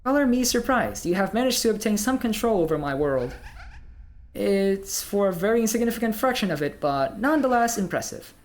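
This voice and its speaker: A player voicing a smug female AI ruler of a simulated world in a put-on, slow, measured robot voice, reading game dialogue aloud. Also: medium pitch, very animated, close to an everyday voice. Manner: condescending, coolly formal.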